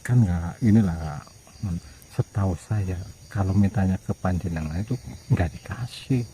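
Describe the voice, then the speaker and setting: A man acting as a spirit medium, hesitantly relaying messages in a low murmur. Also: normal speed, dark tone, a little hiss or hum, poor audio. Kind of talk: casual on-camera chat.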